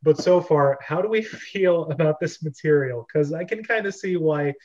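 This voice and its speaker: Over dull, lo-fi webcam sound from his bedroom, a young man runs a script reading club by video call, reading stage directions and making casual chat. He speaks a little high, at a moderate pace, with a darkish tone.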